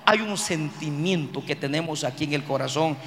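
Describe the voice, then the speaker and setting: A man's voice: fairly high pitch, normal speed, fairly bright tone, in a large hall. A man preaching a sermon as pastor, emphatic and repetitive, calling listeners brother and rising into cries of praise. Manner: addresses listeners as brother, repeats phrases.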